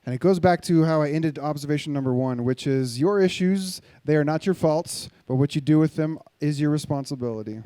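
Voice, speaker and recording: A middle-aged male pastor giving a live sermon, conversational and animated, joking with and directing the audience. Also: a little high, a little fast, few pauses, no room sound.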